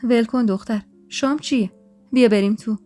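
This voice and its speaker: A woman's voice: fairly high pitch, dark tone, close to an everyday voice. A woman voicing a playful, jealous young husband in a spoken story, talking in a bantering, teasing way. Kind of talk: storytelling podcast. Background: faint music.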